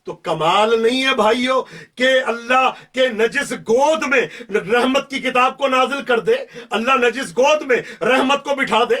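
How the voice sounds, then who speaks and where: A man delivers a fervent religious oration in a very high, piercing voice that is tense and bright. He declaims in rolling invocations and rhetorical questions, climbing to shouts at the peaks. The voice sits somewhat back from the microphone. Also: far from the mic. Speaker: majlis preacher.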